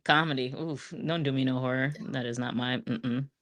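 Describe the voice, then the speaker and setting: Low-voiced laughing woman in casual chat. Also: steady tone, moderate pace, a bit bright. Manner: laughs often, playful and blunt. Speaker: podcast guest.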